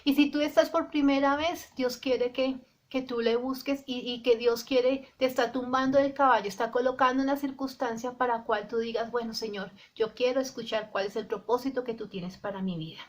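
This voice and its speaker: A woman preaching a sermon with a fairly high voice. She speaks earnestly and straight to the listener, slowing down for quoted scripture and sometimes restarting a word. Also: fairly even intonation. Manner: earnest exhortation, addressing the listener directly; restarts and repeats words.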